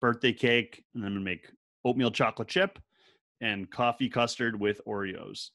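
A man's voice: medium pitch, moderate pace. A man co-hosting a podcast, telling rambling stories in casual chat. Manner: rambling, animated storytelling. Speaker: podcast co-host.

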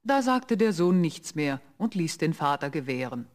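A man giving scripted fairy-tale narration in an even storytelling voice. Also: a little high, normal speed.

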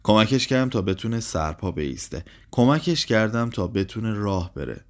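Man calmly reading literary fiction. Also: fairly low pitch. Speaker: storyteller. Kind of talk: literary narration.

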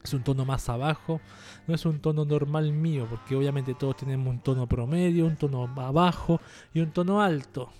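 Soft music plays behind a man whose slightly high, slightly mellow voice moves a little fast. As a podcast host, he jokes, rambles and mocks himself in a casual monologue, testing out a lighter, less forced voice than before.

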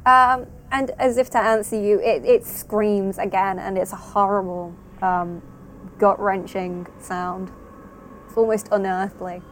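A woman game master narrates a tabletop game in a middle-pitched voice, describing each scene at length and pausing often on fillers. A faint hiss of background noise sits under the voice. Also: steady tone. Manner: descriptive, halting with many fillers.

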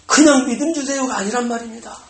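A pastor delivering a sermon, animated and bursting into loud exclamations, recorded in a church sanctuary. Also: medium pitch, quick pace. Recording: echoey room with faint noise.

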